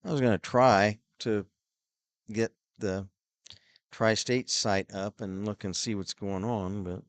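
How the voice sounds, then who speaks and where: Slow rambling hockey broadcaster, man. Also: lowish voice, steady tone, dry recording. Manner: rambling, many fillers, reads viewer messages. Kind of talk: casual play-by-play filler chat.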